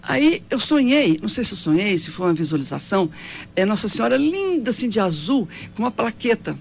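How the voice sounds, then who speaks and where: A woman's voice: medium pitch, very animated, fairly quick, gravelly. A woman in her seventies with a Brazilian accent, telling her life story in an interview in an earnest, devout way, often ending with tag questions. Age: 70s.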